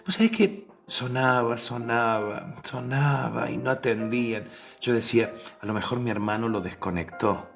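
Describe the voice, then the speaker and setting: A man's voice: medium pitch, normal speed, gravelly. An Argentine man giving a novena talk with a personal story, speaking conversationally with restarts and questions to the listeners. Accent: Rioplatense Spanish. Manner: acts out the voices in his story. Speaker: preacher.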